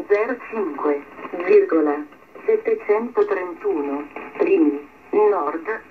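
A woman reads a scripted nautical safety broadcast over shortwave radio in a halting, word-by-word automated manner. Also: fairly low pitch. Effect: shortwave radio transmission. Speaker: coastal radio announcer. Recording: noisy narrow-band shortwave radio reception.

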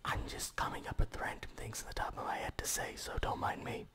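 Whispering man doing deadpan ASMR. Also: a little fast. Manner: deadpan, rambling asides. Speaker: ASMR video creator.

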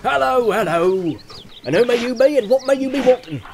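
A man voicing a gruff, hearty hobbit farmer in a storybook reading, with a growl and rustic, folksy talk. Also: very high voice, lively intonation, fairly quick, background noise, voice pushed up. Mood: wary, then hearty. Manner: rustic, folksy turns of phrase. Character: gruff, hearty, thick-set hobbit farmer, suspicious but welcoming.

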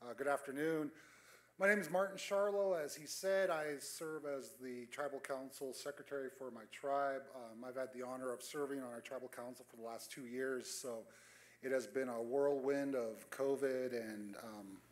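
Panel moderator guy, mid pitch, kinda monotone, dry humor, lots of ums. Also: moderate pace. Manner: reflective, many fillers. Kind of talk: conference panel remarks. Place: conference hall stage.

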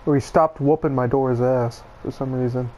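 A woman's voice: a bass voice, fairly even intonation, normal speed, dark tone, a little hiss or hum. A woman playing a survival game with a friend, shrieking, swearing and laughing through her fear, tearful from screaming. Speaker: gamer streaming with a friend. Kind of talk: panicked co-op gameplay chat.

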